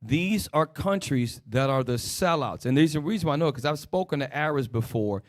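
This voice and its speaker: A man's voice: medium pitch, animated, moderate pace. A man leads a religious teaching session, firing rhetorical questions and short commands to an assistant. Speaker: religious teacher leading a discussion.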